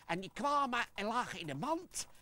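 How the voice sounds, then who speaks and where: A man's voice: extremely high pitch, sing-song, moderate pace, bright, forceful tone, exaggerated voice. A man voicing a cheerful, eager sock puppet in a children's puppet show, stumbling over and repeating words.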